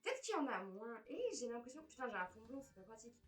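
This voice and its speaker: A young woman vlogging casually to camera in a room, frank and expressive, swearing now and then. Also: a little high, quick pace, faint music behind. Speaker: fitness and weight-loss vlogger. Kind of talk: casual vlog talk to camera.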